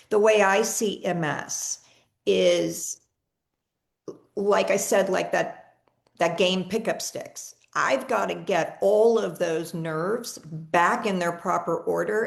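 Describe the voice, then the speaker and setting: An energy healer leads a live online healing session over a video call, speaking in a chatty, enthusiastic way. Her medium-pitched voice is creaky, and she often repeats and restarts her words.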